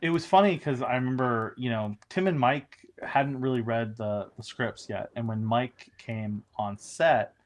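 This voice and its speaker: A man's voice: mid-range voice, measured pace, few pauses. A man, a showrunner, chatting casually in an interview, rambling with frequent restarts and fillers.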